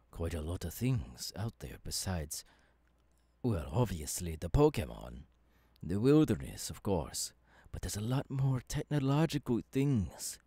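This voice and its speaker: Man playing Professor Turo, mellow, dramatic futuristic scientist. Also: fairly low pitch, slightly rough, dry recording, full character voice. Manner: halting, dramatic delivery with pauses. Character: eager, kindly male futuristic professor mentoring a new apprentice. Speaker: voice actor, ASMR artist. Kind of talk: ASMR character roleplay.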